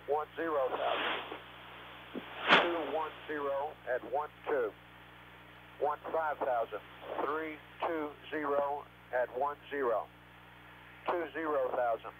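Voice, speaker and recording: Crackly military radio pilot, clipped man's voice. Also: fairly high pitch. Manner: clipped digit-by-digit readouts. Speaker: astronaut pilot. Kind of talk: crackly military radio chatter, terse reports. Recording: narrow phone-like band, radio hum, static.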